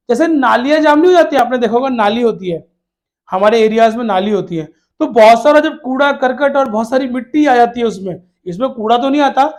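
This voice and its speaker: A man's voice: very high voice, a little mellow. A male teacher giving an exam-prep lesson to children, addressing them fatherly as "beta" and asking questions he answers himself, repeating key words. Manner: calls students "beta" in a fatherly way.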